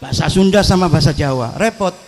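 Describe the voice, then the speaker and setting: A man's voice: fairly high pitch, fast talker, darkish tone. A man with an East Javanese accent giving a humorous sermon, telling stories and addressing the crowd at an outdoor evening gathering. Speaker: preacher. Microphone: PA microphone.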